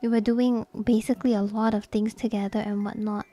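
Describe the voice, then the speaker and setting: A woman's voice: medium pitch, level tone, fairly quick, mellow. A young adult woman streamer chatting casually and candidly with her viewers, laughing often and swearing freely.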